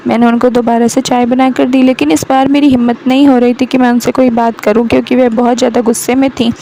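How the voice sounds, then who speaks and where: A woman's voice: a little high, little pitch movement, quick pace, mellow, a little hiss or hum, low-quality recording. A woman narrating a moral story in the first person, reading all the parts in her own voice. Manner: reads every part herself, mother-in-law and man included, in her own voice.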